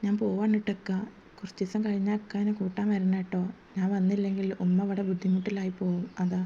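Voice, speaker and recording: A woman's voice: medium pitch, completely flat delivery, brisk, dull audio, slight background noise, natural voice. A woman doing a sad young wife. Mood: pleading. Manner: soft, pleading.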